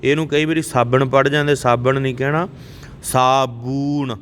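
A man teaching scripture pronunciation, reciting verses in a measured way and correcting words in quick asides. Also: steady tone. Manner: slow measured recitation, brisk spoken corrections. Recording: reverberant hall, faint rumble.

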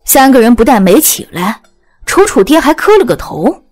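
Woman narrator for an audiobook, high-ish voice, very lively pitch. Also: moderate pace.

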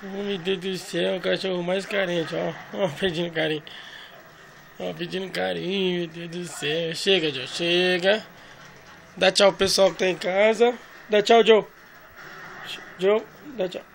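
A man's voice: sits high, vocal fry, a little hiss or hum, rough recording. A man filming his family at home on a phone, chatting playfully and doting on the family dog. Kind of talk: casual home video narration. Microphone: phone camera.

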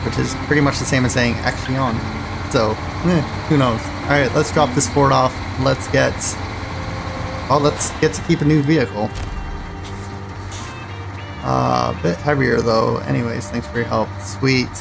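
A man's voice: mid-range voice, steady tone, a little slow, gravelly, noisy background. A man casually commenting on his driving game as he plays, thinking aloud and rambling between choices. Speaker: gaming channel host.

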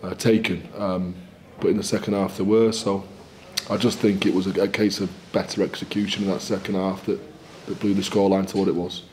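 Candid, low-voiced coach at a press conference. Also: male voice, little pitch movement, darkish tone, a little hiss or hum. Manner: candid, measured, upbeat about his team. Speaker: rugby head coach. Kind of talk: post-match press conference answers. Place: small indoor press room in front of a sponsor backdrop.

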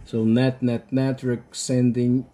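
The boat owner's voice is medium in pitch, dark, and level in tone, recorded with slight background noise on a handheld action camera during a tour of his catamaran's deck and cabin. A non-native speaker with a Brazilian Portuguese accent, he moves slowly and haltingly, proudly displaying every item and listing what it offers.

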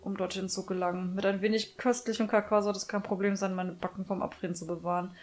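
A woman reading the diary lines of a young female knight in a game, calm and plain. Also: mid-range voice, fast talker, a little hiss or hum, lightly acted.

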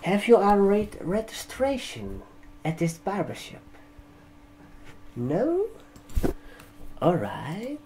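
A soft-spoken man in his 20s does ASMR as a barber receptionist, seated at a desk in an indoor room, speaking slowly and haltingly in hushed, short phrases. His voice is high with a wildly swooping pitch. Keyboard typing and clicks sit under slight background noise.

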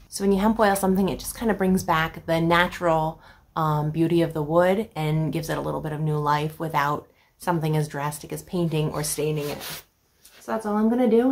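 A woman's voice: low voice, creaky, roomy sound, a little hiss or hum. A woman in her thirties hosting a casual how-to vlog, chatting with ums as she works in a small indoor workshop and is picked up by a camera mic at a distance. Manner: chatty, explains while working, frequent ums. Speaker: furniture upcycling host.

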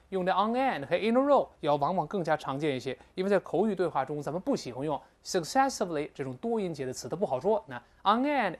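A woman lectures on an English text. Her voice sits a little low but moves up and down freely. She slows right down to spell out English phrases. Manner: lively, explanatory, quotes English phrases slowly. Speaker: English teacher. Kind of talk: recorded lecture explaining a textbook.

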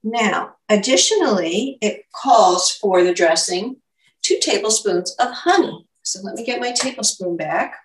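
With a medium-pitched, expressive voice and a measured pace, an older woman talks through each step of a casual home cooking demo. She's recorded indoors in her kitchen by a distant camera mic, giving the audio an echoey quality.

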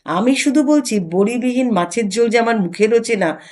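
A woman's voice: fairly high pitch, lively intonation, moderate pace, a little mellow, lightly acted. A woman narrator voicing a wry older husband who teases and mocks his wife. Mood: teasing. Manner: bantering, mocking.

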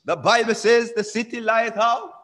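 A man's voice: very high voice, a bit bright. Young man preaching with call-and-response. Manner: call-and-response preaching, drawn-out emphatic lines, asks the congregation. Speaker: church elder preaching. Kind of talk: sermon. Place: small church sanctuary at a pulpit. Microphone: pulpit microphone on a stand.

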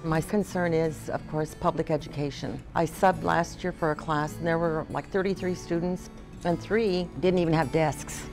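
A woman's voice: sits low, steady tone, moderate pace, over music. An older woman, a retired teacher, speaking in an earnest, plain-spoken way in an interview. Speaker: retired teacher, dinner guest. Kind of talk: casual interview.

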